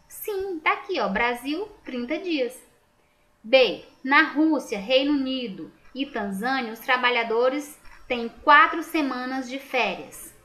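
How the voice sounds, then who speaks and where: Correcting a school exam, a patient Brazilian woman teacher speaks with a Brazilian Portuguese accent in a high, pushed and bright voice. She checks each answer aloud, asking rhetorical questions and then answering them herself.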